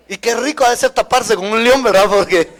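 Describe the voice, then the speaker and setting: Male pastor, high voice, emphatic sermon with jokey asides. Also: a bit bright. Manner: emphatic repetition with humorous asides.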